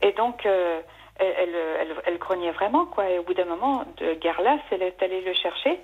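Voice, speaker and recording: A woman's voice: lowish voice, animated, a little fast, husky. Woman caller on a muffled phone line. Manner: rambling storytelling with many restarts. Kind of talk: emotional personal account on live radio. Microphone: telephone.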